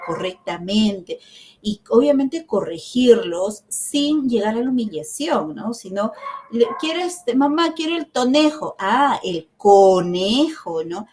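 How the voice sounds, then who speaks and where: A woman's voice: mid-range voice, noisy background. Middle-aged woman teaching speech therapy online, explains step by step, keeps adding little tag questions. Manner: explanatory, frequent tag questions and filler pauses. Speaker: speech therapy course instructor. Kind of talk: online lecture.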